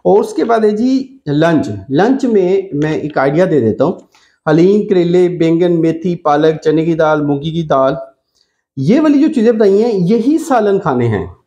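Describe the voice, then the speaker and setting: A doctor with a Pakistani accent gives diet advice straight to camera, speaking to his followers in a slightly high, mellow, animated voice at a somewhat slow pace. His informal, instructive health talk repeats key points for emphasis.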